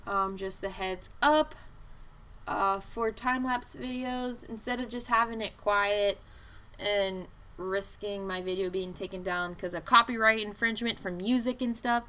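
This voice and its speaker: A young woman chatting to her viewers while she draws. She talks at an unhurried pace in a bright, forward voice, exasperated and chatty, playing out each side of the conversation. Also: medium pitch, rough recording. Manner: chatty, exasperated, quotes people in dialogue. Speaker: vlogger. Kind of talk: casual storytelling over time-lapse.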